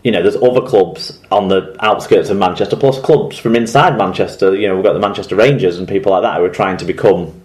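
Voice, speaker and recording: Relaxed male podcast co-host, low voice. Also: fast. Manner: relaxed, laughs often while reading. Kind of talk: casual chat, reading listener messages.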